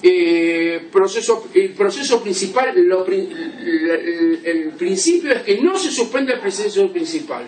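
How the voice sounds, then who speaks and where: A man's voice: high voice, expressive, measured pace, hardly any pauses, a little mellow, slight background noise. A male law lecturer, giving a classroom lecture and checking in with "¿sí?" as he explains through examples. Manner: explains with examples, asks "¿sí?" often. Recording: roomy classroom from a distance.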